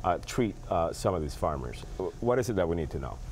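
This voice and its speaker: A man's voice: low-pitched, very animated, a little fast, a little mellow, a little hiss or hum. A man in his thirties hosting a TV studio interview, asking friendly questions with many hesitations, on a lapel mic. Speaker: TV show host.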